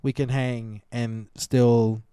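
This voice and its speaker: A man's voice: medium pitch, little pitch movement, slow, warm tone, clean tone, no room sound, studio quality. A man co-hosting a casual podcast chat, joking and laughing easily. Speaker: podcast co-host.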